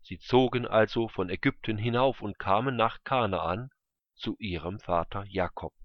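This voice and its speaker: A man reading scripture aloud in a calm, steady way. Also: on the low side, normal speed, no room sound. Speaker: Bible reader. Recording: dull lo-fi recording.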